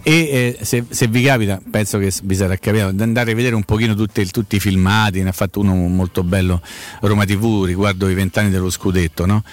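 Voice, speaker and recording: A man's voice: lowish voice, fairly even intonation, fast. A man with a Roman accent chatting casually about football as a talk show host, colloquial, repeating himself for emphasis.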